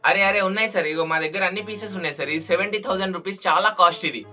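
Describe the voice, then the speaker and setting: A man's voice: high voice, racing, sharp tone, soft background music. A man playing an exasperated young male shop salesman in a comedy skit, speaking, pleading and muttering annoyed asides. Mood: polite.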